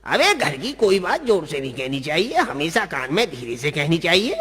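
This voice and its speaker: A man voicing a quick-tempered male master who scolds and insults his servant. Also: fairly high pitch, big pitch swings, bright, forceful tone, breathy edge, big-room sound, exaggerated voice. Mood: lecturing. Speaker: master of the house.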